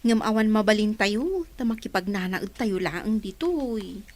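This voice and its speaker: Fretful, animated woman. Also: medium pitch, measured pace. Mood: worried, confiding. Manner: expressive. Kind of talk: radio drama acting.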